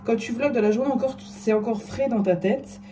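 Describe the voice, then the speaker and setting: A woman's voice: fairly high pitch, a little fast, warm tone, a little hiss or hum. A middle-aged woman chatting casually in her vlog, self-mocking and hesitant, often trailing off with fillers. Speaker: vlogger.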